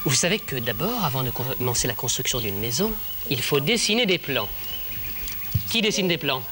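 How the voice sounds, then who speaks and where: A man's voice: medium pitch, sing-song, moderate pace, noisy background, natural voice. A man playing a kindly, reassuring presenter in a children's television show, encouraging and didactic, often repeating himself. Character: kindly, reassuring male friend and teacher.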